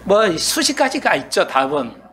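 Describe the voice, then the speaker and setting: A man's voice: sits high, very animated, normal speed, a bit bright. A male pastor preaching an expository sermon in a conversational way, often asking his congregation questions and playing out their replies.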